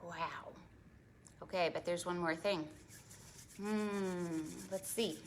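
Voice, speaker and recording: A woman reading to preschoolers in a kindergarten teacher voice, with animated wonder and simple questions to her young listeners. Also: lowish voice, slow pace, slight background noise. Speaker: preschool storytime host. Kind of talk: children's read-aloud storytime, talking directly to young listeners.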